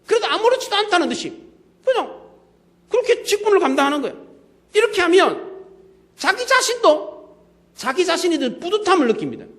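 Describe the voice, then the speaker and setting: A man preaching a sermon as pastor, telling lively everyday stories and acting out the scenes he describes. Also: very high voice, fairly quick, pauses often. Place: church sanctuary. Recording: long reverb of a church hall.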